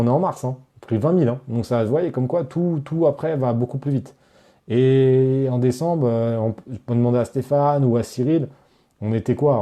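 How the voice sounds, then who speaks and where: Dark in tone and mid-range in pitch, this man hosts a live stream Q&A as an online course creator. He talks right to his viewers, reads their chat questions out, and answers casually with many fillers and restarts.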